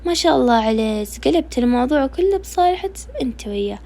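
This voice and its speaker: A woman voicing a sarcastic, sharp-tongued grown Najdi son. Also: sits high, lively intonation, quick pace. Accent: Najdi Saudi.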